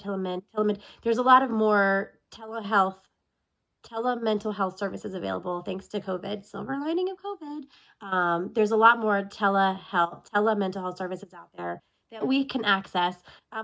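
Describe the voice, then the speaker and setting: Sniffly from allergies, a military spouse vlogger in her thirties chats candidly through a casual self-made video check-in, often going off on tangents. Her medium-pitched voice sounds pushed and bright, and the audio is poor.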